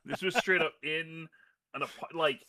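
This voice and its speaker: A man tells an animated anecdote in a casual podcast chat and swears for emphasis. His voice is very bright and a little high. It is recorded dry and close. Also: moderate pace, dry recording.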